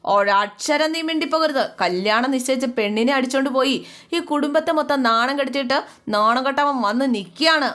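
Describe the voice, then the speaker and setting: A woman voicing a furious middle-aged father who disowns his daughter, slow and threatening. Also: high voice, a bit bright, pitched above the performer's own voice.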